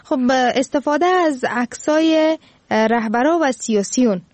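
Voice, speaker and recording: A woman co-hosting a radio call-in show, courteous and brisk as she greets callers. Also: high voice, a little mellow, no echo. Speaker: radio co-host. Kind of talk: casual radio call-in chat.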